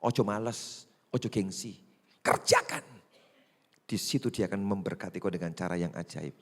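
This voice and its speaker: A man with a Javanese accent, a pastor preaching a sermon in lively storytelling style. He acts out the voices he quotes and swings between loud and hushed delivery. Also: low voice, moderate pace. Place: large church hall. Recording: long hall reverb.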